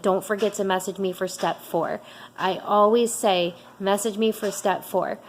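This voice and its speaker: An upbeat woman talks through sales tips in a casual, chatty voice at a middle pitch. She keeps slipping into lively acted-out messages. A faint hum of room noise sits behind her. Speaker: direct sales coach. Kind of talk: casual coaching talk.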